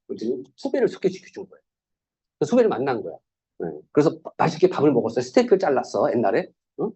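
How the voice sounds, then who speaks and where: A man delivers a motivational sales lecture in a husky, mellow voice, his pitch leaping up and down as he talks. He keeps throwing rhetorical questions at the room and acts out little dialogues. The recording sounds dull and lo-fi. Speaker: sales seminar speaker.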